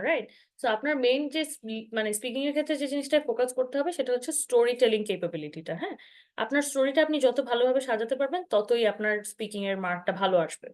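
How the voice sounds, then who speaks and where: A woman with a Bangladeshi accent teaching an online exam-prep class, explaining step by step and often checking in with her listeners. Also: a little high. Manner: explanatory, checks in with 'হ্যাঁ?', mixes English terms into Bangla. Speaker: IELTS instructor.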